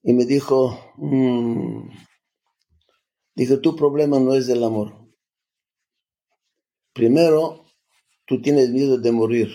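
Older man telling his story, halting. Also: mid-range voice, steady tone, dark tone. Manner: halting, restarts often, salty slang. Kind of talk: personal storytelling, casual.

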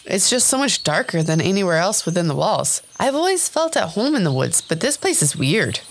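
A man's voice: high voice, very animated, a little fast, vocal fry, a bit bright, a little hiss or hum, pitched above the performer's own voice, exaggerated voice. A man voicing an earnest young woman adventurer in a fantasy audiobook. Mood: uneasy.

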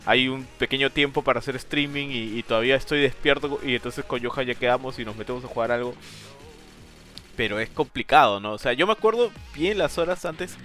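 A man's voice: mid-range voice, a little fast, bright, forceful tone, faint music behind. A man, chatting casually and rambling with self-mocking asides. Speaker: podcast co-host. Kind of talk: casual chat.

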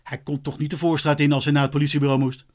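Man, storyteller, audiobook narration, expressive reading, slightly high voice. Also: rapid-fire.

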